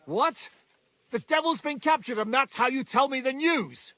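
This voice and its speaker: Casting: emphatic medieval comrade in a game, blunt temper, lively intonation, dry studio sound. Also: male voice, extremely high pitch, normal speed, no room sound, full character voice. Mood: indignant. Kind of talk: video game dialogue acting.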